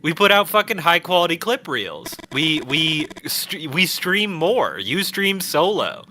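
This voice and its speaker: A man's voice: a little high, very animated, unhurried, sharp tone, slight background noise. A young man co-hosting a casual game stream, sarcastic and profane, rambling through banter. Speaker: streamer co-host. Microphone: headset.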